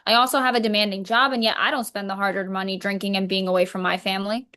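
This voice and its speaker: A worried, fed-up wife in couples counselling, acted by a woman in a role-play. She has a middle-pitched voice and speaks plainly and firmly. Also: flat delivery, quick pace, bright, forceful tone, lightly acted.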